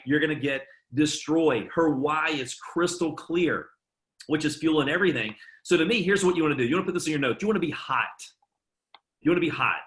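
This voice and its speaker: Energetic man coaching, echoey room. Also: fairly high pitch. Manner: enthusiastic, punchy, joking. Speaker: network marketing trainer. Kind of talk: energetic training talk.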